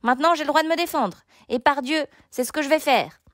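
A brave young male knight shouts his defiance in this storybook, his voice raised and keen, as a woman reads him. He is proud and fiery. The recording is dry and close. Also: high-pitched, steady tone, quick pace, dry recording, lightly acted. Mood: furious. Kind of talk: storybook reading.

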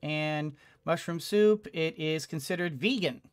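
In a small room at home, a middle-aged man hosts a let's play, offering casual commentary while thinking aloud and muttering to himself over game music. His voice is fairly high-pitched, smooth and unhurried.

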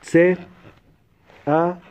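A Mexican man with a Mexican Spanish accent hosts an educational quiz show, speaking clearly and patiently and repeating the answer options slowly. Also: high-pitched, flat delivery, darkish tone. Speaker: quiz host and teacher. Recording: dull lo-fi broadcast sound.

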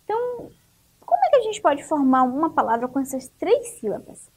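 A woman teaching an online lesson for young children with a Brazilian Portuguese accent, slow and encouraging, asking questions and answering them herself. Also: sits high, very animated, darkish tone. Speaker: primary school teacher.

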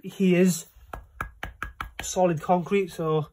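A man's voice: high-pitched, steady tone, slow, background noise. A young Welsh man chatting casually as he shows his games room, rambling with many fillers, recorded on a handheld phone. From Wales. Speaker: vlogger giving a room tour. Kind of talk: casual chat. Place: small indoor games room at home. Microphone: phone camera held in hand.

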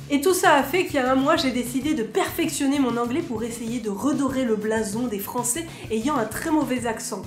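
A woman from France, a vlogger, chatting casually to camera in a lively, self-mocking way. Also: high voice. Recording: echoey room, faint music.

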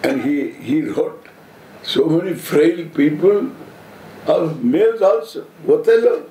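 A man in his seventies with a South Indian accent, giving an informal spiritual discourse in halting, deliberate phrases with playful humour. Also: fairly high pitch, animated, dark tone. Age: 70s. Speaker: spiritual teacher, swami. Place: seated on stage before an audience, indoors. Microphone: stand microphone close in front. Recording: roomy echo, audible background noise.

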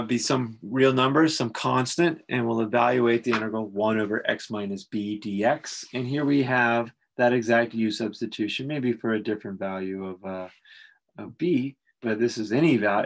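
Low-voiced man explaining calculus steps. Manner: relaxed, explanatory, thinks aloud with fillers. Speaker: math instructor. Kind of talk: recorded calculus lecture.

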